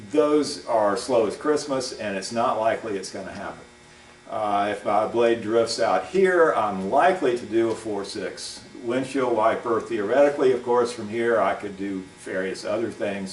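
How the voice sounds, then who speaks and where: A man coaching fencing, explaining a demonstration aloud in a measured, halting way. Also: fairly low pitch. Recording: echoey room, distant mic, faint hum.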